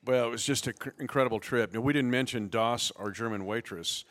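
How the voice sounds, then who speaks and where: A man's voice: medium pitch, brisk, fairly bright tone. A middle-aged man co-hosting a sports radio show, folksy and joking as he talks to a live audience. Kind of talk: casual sports chat.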